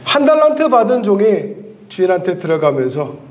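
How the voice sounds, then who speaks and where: A man's voice: high-pitched, sing-song, moderate pace. A male pastor preaching a sermon in a church. He tells the story vividly and asks the congregation questions. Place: church sanctuary. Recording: echoey hall, voice from a distance.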